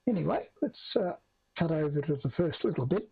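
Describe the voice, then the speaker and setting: A man with an Australian accent, heard as if over a walkie-talkie radio link, presenting on an amateur net in a chatty, halting way. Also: a little high, lively intonation, vocal fry, husky. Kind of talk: casual hobbyist chat on an amateur net. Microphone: lapel mic. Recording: tinny radio-link audio.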